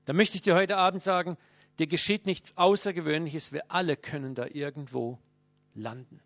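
A man preaching a sermon, speaking earnestly and directly to his listeners, swinging between loud and hushed. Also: on the high side, steady tone, normal speed, no echo.

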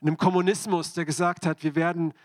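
A man's voice: a little high, flat delivery, fast talker. A man preaching a sermon, speaking directly to the congregation and asking them repeated questions.

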